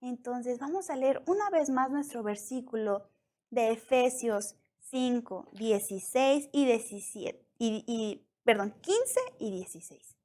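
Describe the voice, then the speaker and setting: A woman's voice: fairly high pitch, unhurried. A woman with a Mexican accent teaching a children's devotional, retelling a Bible story and asking the listener questions. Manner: animated, asks the listener questions.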